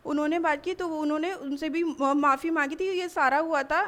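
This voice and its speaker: A young college student with a notably high-pitched voice gives a personal account in a news interview. She speaks haltingly, often breaking off and starting her sentences again. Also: steady tone, a bit bright. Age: young adult. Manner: halting, with frequent restarts. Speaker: college student giving testimony.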